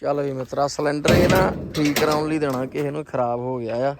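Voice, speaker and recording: A man's voice: a little high, fairly even intonation, a little fast, gravelly, very noisy. A man chatting informally as a vlogger to viewers and a companion outdoors. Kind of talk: casual village vlog chat.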